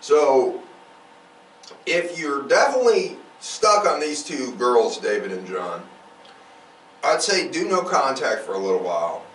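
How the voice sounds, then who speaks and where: A podcast host chats casually, rambling in a conversational, explanatory way. His medium-pitched voice is sing-song and fairly bright, a little slow. The recording has a roomy echo, a distant mic, and faint noise.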